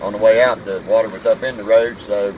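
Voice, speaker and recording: A man's voice: fairly low pitch, little pitch movement, fast talker, muffled recording. A man from southwest Virginia with an Appalachian accent, chatting casually in folksy dialect as he films a ride along. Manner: folksy, drawling dialect with homespun turns of phrase. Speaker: local vlogger. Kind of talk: casual chat while riding along filming. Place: inside a moving vehicle. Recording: distant mic, loud vehicle noise.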